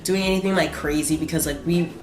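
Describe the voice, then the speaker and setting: A young woman chatting casually over breakfast with a friend, rambling and filling every pause with "like". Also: low voice, fairly even intonation, a little mellow, echoey room. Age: young adult. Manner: rambling, heavy use of "like". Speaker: co-host. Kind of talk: casual chat while eating.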